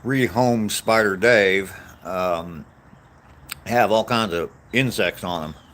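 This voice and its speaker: On an outdoor walk, a vlogger in his sixties works through live-chat comments in a casual, rambling way, meandering and poking fun at himself. He speaks slowly, his voice on the low side and a bit bright.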